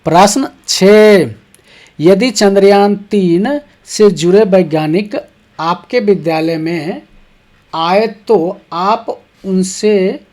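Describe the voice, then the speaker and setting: A teacher with a mid-range, slightly mellow voice walks young schoolchildren through textbook exercises slowly and easily. Every question is read out first and answered in steps. Regular "ठीक है" check-ins move the lesson along.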